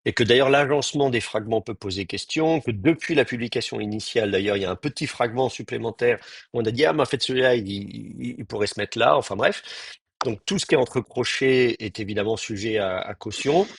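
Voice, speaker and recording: A man teaching an online Hebrew class, talking in a halting way with many fillers and restarts, and sounding out Hebrew words slowly. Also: medium pitch, creaky, slightly rough, dry recording, clean studio sound.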